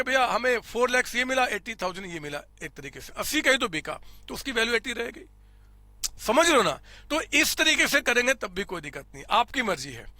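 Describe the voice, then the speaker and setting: High bright-voiced male accounting teacher. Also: no echo. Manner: explains step by step, repeats numbers aloud, addresses students as children. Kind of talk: classroom lecture. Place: recording studio. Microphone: close studio mic.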